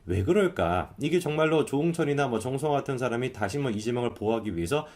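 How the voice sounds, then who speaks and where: A man's voice: medium pitch, animated, fast talker, darkish tone. A man hosting a live political commentary stream, talking in a sarcastic, emphatic way and asking himself rhetorical questions.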